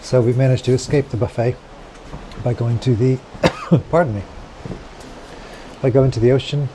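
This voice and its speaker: Sex: man. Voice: dark. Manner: wry, dry humor. Style: vlog commentary. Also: medium pitch, steady tone, moderate pace, slight background noise, poor audio. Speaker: co-host of a cruise vlog. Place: on board a cruise ship.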